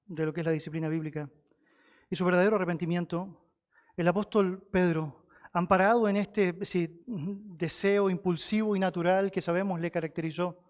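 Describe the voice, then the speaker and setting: A man preaching a sermon in a high voice. He pushes up sharply for emphasis and sinks low when he repeats key phrases, so each point gets stressed twice. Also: fairly even intonation, moderate pace. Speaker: pastor.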